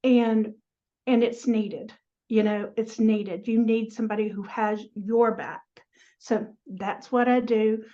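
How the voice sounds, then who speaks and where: A woman's voice: on the high side, steady tone, slow, warm tone, muffled recording. A middle-aged woman with a Southern US accent, chatting as an interview guest on a video call. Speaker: guest, practice transition advisor. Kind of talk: casual interview chat.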